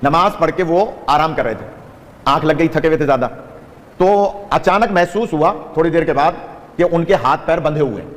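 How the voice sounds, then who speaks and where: A man preaching at a religious gathering, telling a story with animation, chanting devotional phrases and urging listeners to stay awake. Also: on the high side. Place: large gathering hall with audience. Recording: long hall reverb.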